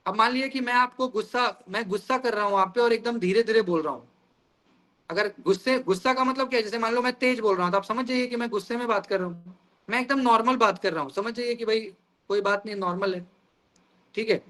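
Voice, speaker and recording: A male teacher delivers a lecture in a high, bright voice. He explains each idea through everyday examples and keeps turning to the class with questions. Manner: explains with everyday examples, often asks "guys".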